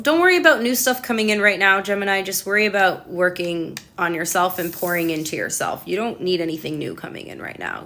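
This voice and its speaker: A woman's voice: fairly low pitch, pushed and bright, slight background noise. A young woman reading tarot cards and chatting with her viewers, passionate and ranting as she talks. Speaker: tarot reader. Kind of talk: casual tarot reading answering live chat.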